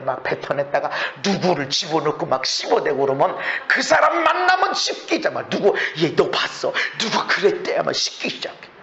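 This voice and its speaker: A man preaching a sermon as pastor in a church, swinging between hushed lines and shouting, with laughing asides. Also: fairly high pitch, gravelly, a little hiss or hum. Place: church sanctuary. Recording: echoey church, muffled lo-fi.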